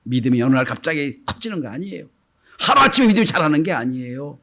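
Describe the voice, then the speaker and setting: A middle-aged male pastor delivers a Sunday sermon in a slightly high voice. He lets his pitch and volume rise and fall widely, softening into tender quoted speech before climbing loud again. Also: big pitch swings, fast. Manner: acts out gentle quoted speech, swings between soft and loud.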